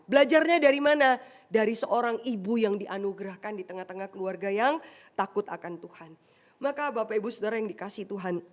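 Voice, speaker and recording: A woman pastor with an Indonesian accent delivers a chatty, animated sermon in a church. Her voice sits a little higher than most. She drops in English phrases and briefly acts out the people she talks about. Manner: conversational preaching, mixing in English phrases and acted asides. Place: church sanctuary.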